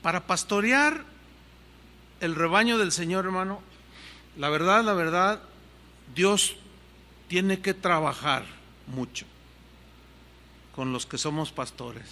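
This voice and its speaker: Older pastor preaching, bright and high. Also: male voice, animated, slow pace, long pauses. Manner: conversational and earnest, shifting pace freely. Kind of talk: sermon. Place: church hall. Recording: reverberant hall sound.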